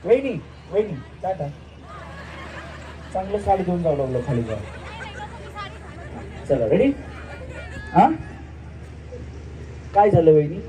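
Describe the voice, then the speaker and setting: A man's voice: sits high, animated, slow, long pauses, a crowd in the background. A man with a rural Marathi accent hosts a live outdoor village game show, teasing the women players and calling out the game moves in a joking way. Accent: Marathi, rural Maharashtra. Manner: teasing, loud calls, counting out games. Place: outdoor village stage event. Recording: distant outdoor mic, faint noise.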